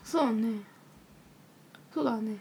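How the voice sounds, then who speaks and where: A woman's voice: a little high, slow, a little mellow, breathy edge. A young woman, a university student, co-hosting a casual chat show with brief, laid-back replies. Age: young adult, university student. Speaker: co-host of a radio-style talk show.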